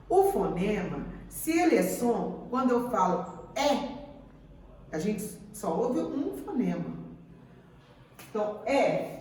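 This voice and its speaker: A woman teacher giving a slow, deliberate grammar lesson, repeating example words. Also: fairly high pitch, a little mellow, slight background noise. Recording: echoey room, mic at a distance.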